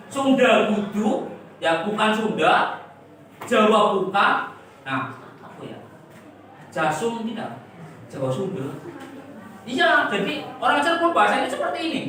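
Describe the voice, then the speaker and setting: A woman's voice: mid-range voice, sharp tone, a little hiss or hum. A woman teacher giving a classroom lesson, quizzing and coaxing her pupils with repeated questions. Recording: echoey classroom from far off.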